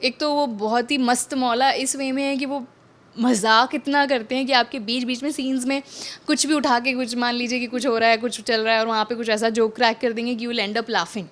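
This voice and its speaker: Young actress guest, slightly high pitch, chatty and rambling with restarts. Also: female voice, steady tone, normal speed, a bit bright. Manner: chatty, mixes English into her talk, many restarts. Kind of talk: casual interview chat.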